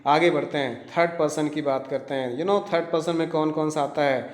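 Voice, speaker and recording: A man's voice: on the high side, steady tone, fairly quick. A male teacher with an Indian accent, giving a grammar lesson and drilling word lists by repetition while checking that students follow. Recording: echoey room.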